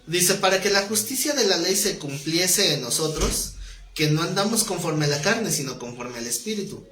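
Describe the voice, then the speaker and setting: A man teaching a Bible study class, keeping it conversational and quizzing his students with quick questions. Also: a little high, animated, pushed and bright, slight background noise. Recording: roomy echoing classroom.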